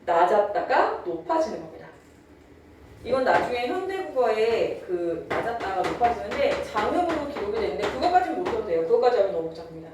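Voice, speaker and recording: A woman's voice: on the high side, sing-song, a little fast, recorded from a distance, noisy background. Chatty woman teacher in an echoey room. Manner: chatty, checks in with students often; drawls out words when demonstrating old pronunciation. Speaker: Korean language teacher. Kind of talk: classroom lecture. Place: classroom.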